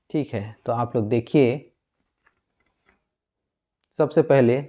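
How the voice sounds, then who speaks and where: A man's voice: mid-range voice, mellow. A man teaching a Hindi grammar lesson, who asks his students questions and then answers them himself, often repeating key words. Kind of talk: classroom lecture.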